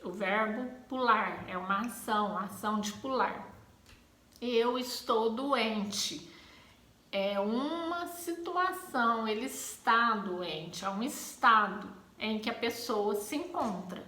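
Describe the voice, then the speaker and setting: Brazilian woman teacher, grammar lesson, slow deliberate pace, expressive, echoey room. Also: a little high. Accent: Brazilian Portuguese. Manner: expressive, acts out exclamations.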